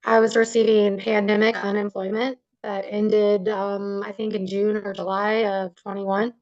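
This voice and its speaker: A woman giving polite sworn testimony as a witness, halting, with long pauses. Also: mid-range voice, flat delivery, crowd noise. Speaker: witness, parent in child support case. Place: court hearing over video call. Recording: slightly dull video call audio.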